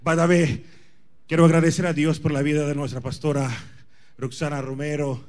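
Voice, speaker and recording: A pastor in his forties delivers a charismatic sermon in Spanish, which is not his first language, repeating phrases emphatically and often questioning the congregation. His voice is fairly high yet darkish in tone, level, and moderately paced.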